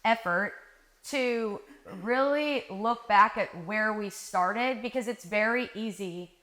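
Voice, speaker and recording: A woman guest on a podcast, telling stories in a casual, animated way, acting out quoted conversations and saying "like" often. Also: medium pitch, slow. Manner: animated, acts out quoted dialogue, frequent "like". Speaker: marketing director guest. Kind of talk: casual interview storytelling. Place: live podcast recording.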